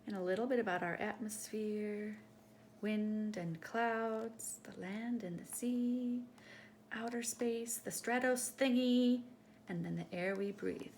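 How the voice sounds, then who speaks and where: A woman reads a picture book to children, expressive and teacherly, addressing her young audience directly. Her voice is mid-range and slow, with a faint hiss or hum in the background.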